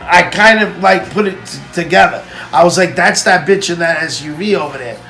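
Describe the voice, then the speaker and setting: A man's voice: a little high, brisk, vocal fry, rough recording. A man telling a casual story-time tale, full of swearing and quoted back-and-forth dialogue. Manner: profane, lively retelling with quoted dialogue. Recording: music playing in background.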